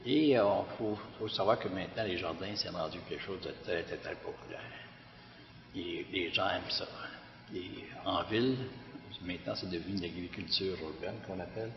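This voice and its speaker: A man's voice: low voice, moderate pace. A man with a Québécois accent, director of a community garden, giving a hesitant public talk with many fillers and restarts. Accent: Québécois French. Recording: echoey hall, dull lo-fi sound.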